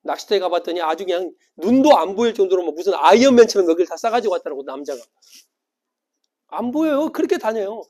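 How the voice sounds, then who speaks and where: Animated pastor preaching with dramatic swings. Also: male voice, fast. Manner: animated, acts out quoted voices with big swings in pitch and loudness. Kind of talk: sermon.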